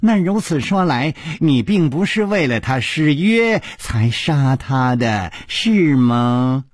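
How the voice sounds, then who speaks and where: A man's voice: medium pitch, big pitch swings, slow, dry recording, clean studio sound. A man voicing a witty, composed young swordsman, speaking in a light, wry, questioning tone. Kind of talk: traditional storytelling broadcast.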